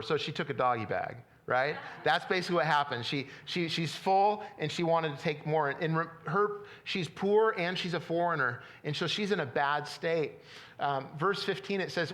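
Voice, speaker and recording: A middle-aged male pastor delivers a sermon in a loose, conversational way. He often repeats words and restarts his sentences as he talks, and his voice sits a little higher than most men's. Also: fairly bright tone.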